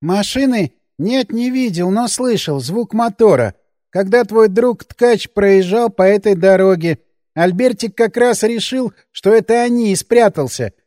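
A man voicing a timid, frightened, childlike grown man who talks about himself in the third person, pleading in a high whiny voice. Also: a little slow, no echo, studio quality. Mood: nervous insistent. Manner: frantic pleading, hushed hissing, high and whiny. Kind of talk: audiobook character voice.

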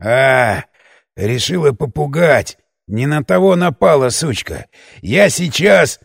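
A man voicing a hoarse, cursing captive in an audiobook, furious and frightened. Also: medium pitch, animated, slow, dry recording, clean studio sound, exaggerated voice. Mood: angry, scared. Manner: snarling, cursing. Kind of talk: audiobook character voice.

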